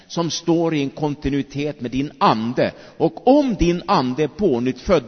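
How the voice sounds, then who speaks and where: A male pastor preaching in a big hall, his slightly husky voice swinging widely in pitch as he stretches key phrases out slowly. The recording is dull and muffled, with a long reverb trailing behind every line. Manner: animated preaching, drawn-out emphatic phrases. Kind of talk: sermon.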